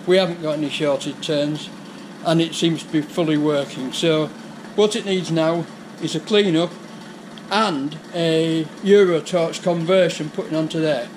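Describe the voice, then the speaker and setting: Older man, Yorkshire accent, workshop vlog, chatty and explaining, head camera, slightly high voice, faint background noise. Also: fairly even intonation, unhurried. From England. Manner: chatty, explaining repairs step by step. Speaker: vlogger. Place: indoor workshop garage. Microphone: head-mounted action camera.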